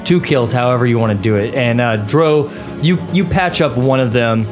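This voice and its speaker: A man narrates a tabletop game as its game master in a mid-pitched voice. He is casual and halting as he improvises, with music playing behind him.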